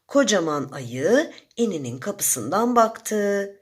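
A woman narrating a children's story in a slow, expressive storytelling manner. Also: mid-range voice, slightly rough.

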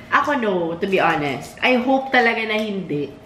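A woman's voice: mid-range voice, expressive, normal speed, fairly bright tone. A young woman with a Filipino accent hosting a casual home vlog, chatting and mixing English with Tagalog. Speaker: vlogger host. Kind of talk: casual chat. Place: indoors at home. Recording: echoey room with faint noise.

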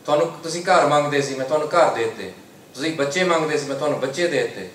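Man, Sikh preacher, exhorting lecture, raised pitch, distant mic, echoey room, faint hiss. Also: animated, racing, fairly bright tone. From United Kingdom. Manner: exhorting, repeats slogans in English between Punjabi. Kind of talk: religious lecture to a congregation.

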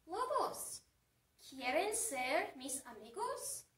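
A woman's voice: high voice, big pitch swings, very slow, fairly bright tone, roomy sound, recorded from a distance, exaggerated voice. A woman voicing a timid young mouse who feels ashamed and tearful, speaking in a small, pleading voice as part of a classroom story. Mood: hopeful.

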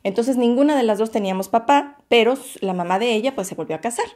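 A woman's voice: a little high, quick pace, darkish tone. A woman, a YouTuber, candidly and expressively telling a personal story to her viewers, whom she calls her loves. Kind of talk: storytime vlog.

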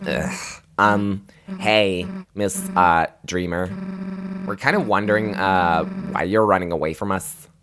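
A man's voice: sits low, fairly even intonation, slow pace, noisy background, voice pushed down. A man voicing a brash, tough young female monster who talks in a blunt, slangy mumble. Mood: puzzled. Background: game music.

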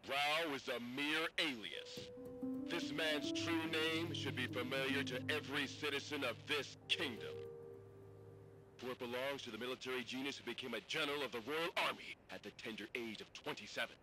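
An actor playing a formal radio news announcer, reading bulletins in a measured, dramatic way. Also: male voice, mid-range voice, natural voice, low-quality recording. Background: music.

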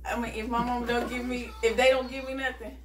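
A woman's voice: on the high side, flat delivery, quick pace, reverberant, a crowd in the background. A woman chatting informally and slangily with family at home. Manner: slangy, informal storytelling and reacting. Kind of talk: casual family chat. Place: living room at home. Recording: distant camera mic, other voices around.

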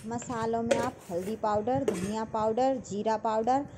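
A woman's voice: a little high, normal speed, very noisy. Female cooking host, instructive and friendly, home kitchen, pans audible in the background. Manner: instructive, addresses viewers as friends. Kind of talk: cooking tutorial narration.

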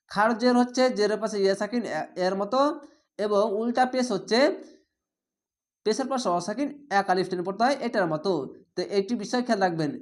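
A woman teaching Quran reading, who spells each word letter by letter with its vowel marks and then blends it in a slow, drawn-out recitation. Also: medium pitch. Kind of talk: step-by-step spelling lesson.

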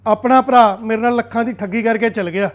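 A man's voice: sits high, steady tone, brisk, highs cut off, lightly acted. A man with a Punjabi accent playing an angry grown son, talking in a heated, agitated rush about being cheated by his brother. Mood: furious. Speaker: actor in a family web drama.

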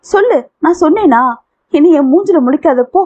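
A woman's voice: very high-pitched, expressive, a little fast, dark tone, voice pushed up. A woman reading the part of a proud, hurt young woman who speaks defiantly and indignantly. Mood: furious. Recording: tinny phone-like audio.

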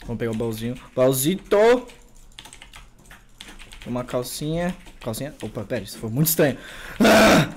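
A young man with a Brazilian Portuguese accent giving excitable gameplay commentary, repeating words in quick bursts. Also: medium pitch, slight background noise. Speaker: gaming YouTuber.

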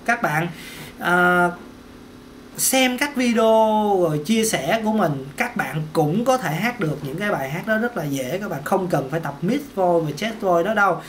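A male voice teacher, talking through a casual singing lesson. His pitch swings up and down a lot as he explains, and he often repeats himself and tosses in quick "ok"s between points. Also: a bit bright, slight background noise. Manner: chatty, repeats words, peppers talk with "ok" and "đó". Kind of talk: casual vocal lesson to camera.

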